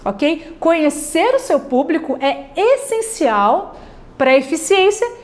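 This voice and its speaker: A high-pitched Brazilian woman gives a recorded class lecture. Her intonation rises and falls widely as she checks in with students and acts out quick examples. The delivery is conversational and teacherly. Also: sing-song. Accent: Brazilian Portuguese.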